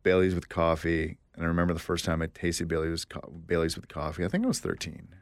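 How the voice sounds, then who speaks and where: Young male co-host, deep voice, dry close sound, animated storyteller. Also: quick pace, no room sound. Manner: animated storyteller, mimics relatives in a high voice. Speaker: podcast co-host. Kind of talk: casual chat.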